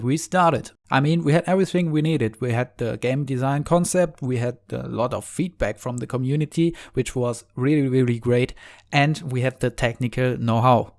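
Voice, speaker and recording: A man's voice: mid-range voice, darkish tone. German-accented man giving a devblog. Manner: earnest, explanatory, slightly non-native phrasing. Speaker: game mod developer. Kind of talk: casual devblog narration.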